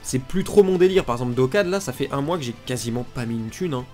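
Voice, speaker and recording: A man's voice: medium pitch, expressive, fast talker, a little mellow. Congested, nasal Frenchman griping over music. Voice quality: nasal, blocked-nose sound. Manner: blunt, informal griping. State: congested from pollen allergy. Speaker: gaming video creator. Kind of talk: casual unscripted gaming commentary. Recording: music behind the voice.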